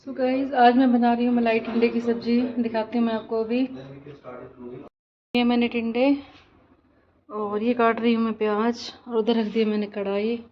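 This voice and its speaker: A woman's voice: on the high side, flat delivery, normal speed, long pauses. A woman, chatting to viewers directly in a casual family vlog. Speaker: vlogger. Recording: slightly dull phone audio with faint noise.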